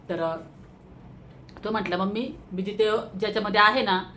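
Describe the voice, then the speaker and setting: A woman's voice: mid-range voice, fairly bright tone, a little hiss or hum. A woman with a Marathi accent, vlogging casually about a personal matter, telling it in an emotional, rambling way with many fillers, recorded on a phone at home.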